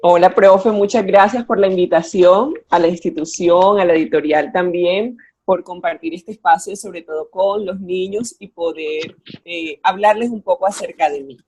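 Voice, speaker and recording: Husky-voiced Colombian coastal woman. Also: on the low side, normal speed, a little mellow. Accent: Colombian Caribbean coast. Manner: friendly, explanatory, with many fillers. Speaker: children's author and educator. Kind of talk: virtual talk to schoolchildren. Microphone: video call.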